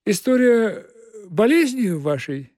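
A sly, fussy demon retainer in an audiobook, high and brisk, gloating over his tricks, as a man puts him on. The voice sits well above the reader's own and lands dry and close to the mic. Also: sing-song, a little mellow, dry recording, exaggerated voice.

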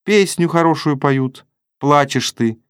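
A male narrator voicing a lazy, indifferent young woman who answers flatly and sleepily in an audiobook. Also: low-pitched, slow pace, clear, resonant tone, no echo, pitched above the performer's own voice. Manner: flat, dismissive, yawning.

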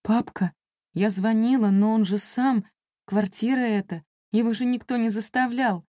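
A woman's voice: mid-range voice, normal speed, warm tone, husky, dry recording, clean studio sound, pitched above the performer's own voice, natural voice. A woman voicing a desperate teenage girl who pleads in a raised, tearful voice. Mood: desperate pleading.

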